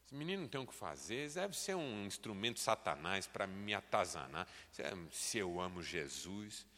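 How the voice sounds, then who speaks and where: A man voicing a proud, resentful male preacher who mutters scornfully, lower and quieter than his own talk. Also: very animated, normal speed, full character voice. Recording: long hall reverb.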